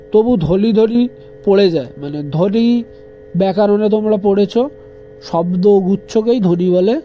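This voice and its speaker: A man's voice: high voice, lo-fi sound. A man tutoring students, reading a story aloud and then repeating and explaining each line. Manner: reads a passage, then repeats and explains it, telling students to underline. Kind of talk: explaining a literature lesson to students.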